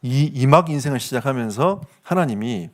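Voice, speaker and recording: Male pastor, Gyeongsang accent, preaching with an expressive, swooping pitch and jokey asides. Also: normal speed. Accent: Gyeongsang Korean. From South Korea. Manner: animated storytelling with comic asides and laughter. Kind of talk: sermon.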